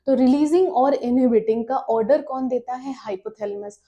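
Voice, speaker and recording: A woman teaching a lecture, her voice pitched a little high but mellow and soft-edged. She walks through diagrams step by step, poses questions and answers them herself, and slows right down whenever she reads out English terms. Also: dull audio. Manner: reads English lines slowly and mixes English terms into her talk.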